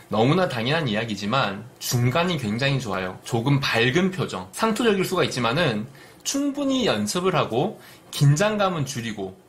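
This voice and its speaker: A middle-aged business YouTuber from Busan, South Korea, offers direct, earnest business advice in a vlog, with a light Busan accent. His pitch is fairly high, and there's slight background noise.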